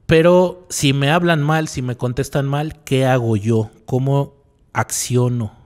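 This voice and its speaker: With a medium-pitched, darkish voice, steady tone and measured pace, a male psychologist reflects aloud on the radio. He keeps asking the listener rhetorical questions, repeating key phrases, and tagging sentences with "¿no?"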